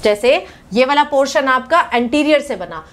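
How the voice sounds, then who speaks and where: A woman's voice: high-pitched, lively intonation, normal speed. A young Indian woman teaching a live online biology lesson, switching between Hindi and English, addressing students as "beta" and quizzing them constantly.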